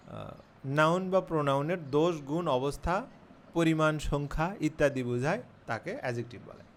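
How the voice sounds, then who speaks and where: A man teaching English grammar in a class video, explaining slowly and patiently, spelling words out letter by letter and pausing often with fillers. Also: a little high.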